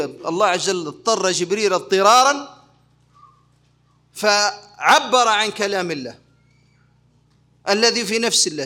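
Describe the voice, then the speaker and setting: A man's voice: high-pitched, bright, forceful tone. A man teaching a religious creed lesson as a sheikh, asking his listeners rhetorical questions and answering them himself. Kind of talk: religious lecture.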